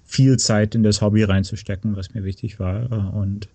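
Low, creaky man, American-tinged German. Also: fairly even intonation, mellow, dry recording. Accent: slight American accent in German. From North Rhine-Westphalia, Germany. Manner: hesitant, halting delivery with frequent pauses. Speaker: podcast guest. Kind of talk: casual interview, recounting.

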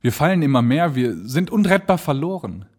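A man's voice: on the high side, animated, brisk, a little mellow, voice pushed up. A man voicing a male balloonist who gives urgent commands in a raised voice. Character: male balloonist, desperate but resolute.

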